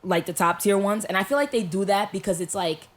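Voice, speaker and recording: A young woman co-hosting a podcast, chatting casually in a blunt, animated way, often laughing. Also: medium pitch, a little fast. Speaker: podcast co-host. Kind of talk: casual chat.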